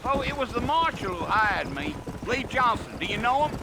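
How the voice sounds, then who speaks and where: A chatty frontier guide. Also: male voice, very high voice, sing-song, normal speed, noisy background. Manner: rambling, folksy drawl. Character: chatty frontier wagon guide, folksy and nosy. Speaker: hired guide. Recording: game audio with loud hoofbeats.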